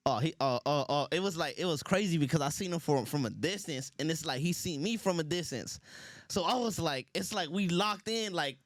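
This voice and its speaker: A man's voice: a little high, expressive, a little fast, no room sound. A man from Los Angeles, a rapper guest, telling his story in laid-back street slang in a casual interview. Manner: laid-back street slang, frequent laughs and "you feel me".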